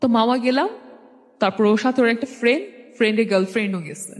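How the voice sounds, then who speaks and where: In a recording with reverberant hall-like echo, a young woman speaks at a quick pace in a fairly high voice. She's a guest sharing her life story with a Bangladeshi accent, keeping it informal and conversational while often quoting exchanges.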